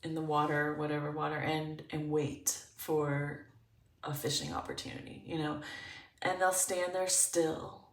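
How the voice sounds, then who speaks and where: A woman leads a pick-a-card tarot reading in a low, unhurried voice. She thinks out loud, stopping to search for words while staying upbeat. Her voice is recorded a little away from the mic in an echoey room. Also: expressive, recorded from a distance. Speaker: tarot reader.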